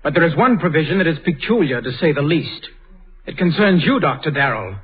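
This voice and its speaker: In a 1930s radio drama, a young adult actor plays an earnest, impulsive young man, clipped and theatrical. His fairly high, sing-song voice moves fairly quickly, and the broadcast sounds tinny and old.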